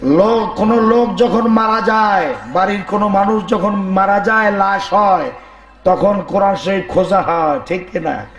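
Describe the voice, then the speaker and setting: A hoarse man preaching a sermon who calls out questions to the crowd and chants verses. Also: high voice, measured pace, echoey room, poor audio. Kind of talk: Bengali waz sermon.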